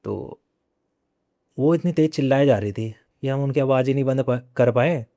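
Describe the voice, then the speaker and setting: A young man tells a personal ghost story as a podcast guest. His voice is mellow and dark, and he speaks conversationally, circling back over his own phrases. The recording is dry and close, with no room echo. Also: mid-range voice. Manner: repeats phrases, conversational and unhurried.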